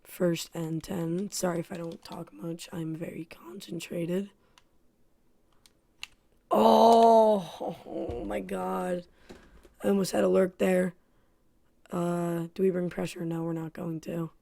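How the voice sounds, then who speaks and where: A woman's voice: on the low side, flat delivery, slow, gravelly, pauses often, mellow. A woman giving play-by-play commentary on her own football video game, frustrated and self-critical. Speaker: gaming YouTuber.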